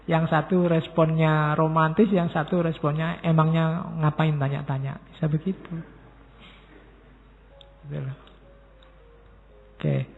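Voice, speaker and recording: Gravelly Javanese lecturer, tinny mosque hall. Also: male voice, a little high, level tone, unhurried, pauses often, slight background noise. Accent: Javanese-inflected Indonesian. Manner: talks straight to the audience, acts out quoted messages in different tones. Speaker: university lecturer giving a public lecture. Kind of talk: philosophy study lecture. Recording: tinny lo-fi sound in a reverberant hall.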